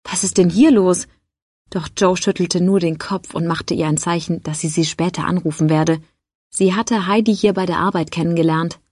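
A woman narrating a story in a steady audiobook reading. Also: lowish voice, normal speed, no echo, clean studio sound.

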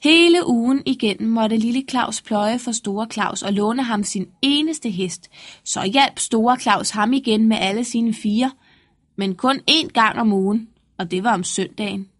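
Woman reading a fairy tale aloud. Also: fairly high pitch. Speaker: narrator.

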